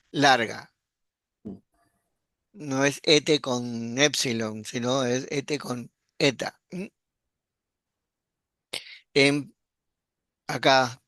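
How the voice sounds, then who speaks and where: Male language teacher, smooth clear voice, unhurried online lesson. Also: fairly high pitch, a bit bright, no room sound, clean studio sound. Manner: patient, explanatory, checks in with "¿sí?". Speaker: Greek teacher. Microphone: computer mic while screen sharing.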